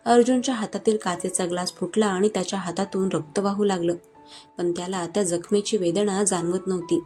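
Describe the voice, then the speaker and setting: A woman storyteller reads a romance aloud in a steady, expressive scripted narration. Her voice is warm and mellow, and soft music plays faintly underneath. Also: medium pitch, brisk.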